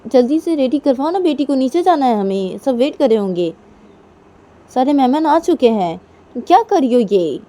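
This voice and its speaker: A woman's voice: medium pitch, lively intonation, moderate pace, warm tone, voice pushed up, lightly acted. A woman voicing a stressed young woman who keeps firing off exasperated questions. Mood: angry.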